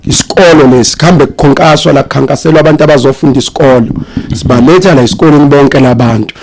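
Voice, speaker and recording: A man's voice: a little high, rapid-fire, a little mellow, a little hiss or hum. A man with a South African accent and native Zulu, giving a sermon as guest preacher with repetitive, listing phrasing.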